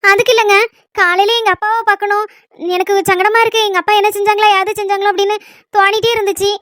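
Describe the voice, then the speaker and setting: Brief: a woman playing a chattering young wife, Kanyakumari Tamil accent, very high and bright. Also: little pitch movement, fast, dry recording. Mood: hesitant. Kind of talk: cartoon voice acting.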